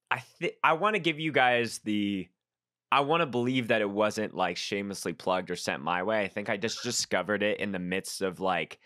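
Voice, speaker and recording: A man hosts a podcast in a casual interview chat, keeping things relaxed and peppering his talk with "like" and "um." His voice sits on the low side, and the studio-quality recording has no room sound.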